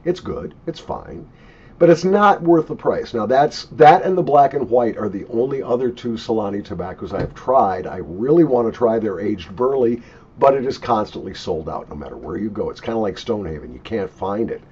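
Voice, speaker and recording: Husky, animated older man, lo-fi sound. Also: on the low side, moderate pace. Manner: animated, opinionated, emphatic. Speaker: pipe tobacco reviewer. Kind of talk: casual unscripted product review. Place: small cluttered home office, indoors. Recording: dull lo-fi webcam sound.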